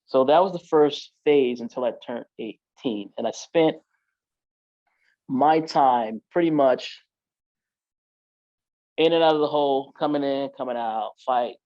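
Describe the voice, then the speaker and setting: A man's voice: mid-range voice, unhurried, long pauses, a little mellow, dry recording, dull audio. A man, a podcast guest, telling his own story in casual street slang, full of "like" and "you know".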